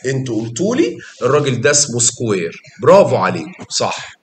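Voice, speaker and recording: A fast-talking man with an Egyptian Arabic accent leads a lively math class, using questions and repetition to coax his students along. His mid-range voice has big pitch swings. There's reverb plus a little hiss or hum.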